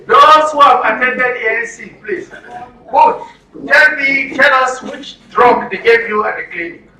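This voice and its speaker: A Nigerian-accented trainer leads an interactive orientation workshop lecture for media workers, quizzing listeners and repeating phrases didactically. His very high, bright voice sounds forceful and unhurried, captured with roomy echo, a distant mic, and faint noise in an echoey live workshop room.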